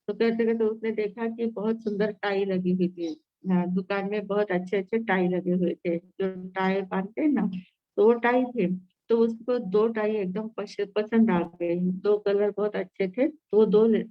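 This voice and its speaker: A woman's voice: mid-range voice, dry recording. Hindi-speaking woman preaching over a dull, dry call. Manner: storytelling with many fillers and restarts. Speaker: Jain nun teaching scripture. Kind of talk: sermon with a told story. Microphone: online video call.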